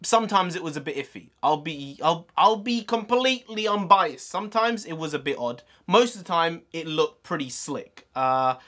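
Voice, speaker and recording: A man's voice: fairly high pitch, expressive, normal speed, few pauses, a bit bright. A man giving a casual, opinionated film review in a blunt, informal way.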